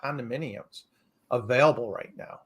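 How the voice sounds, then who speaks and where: A man's voice: mid-range voice, normal speed, slightly rough. Man musing in casual podcast chat. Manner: loose, repeats words, lots of "you know". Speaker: real estate podcast co-host.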